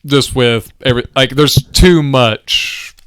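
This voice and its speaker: A man co-hosting a relaxed sports talk show, arguing his point and often stopping to restart his sentences. His voice sits at an ordinary middle pitch. The sound is dry, with no room echo. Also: slow, clear, resonant tone. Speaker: podcast co-host. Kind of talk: casual sports chat.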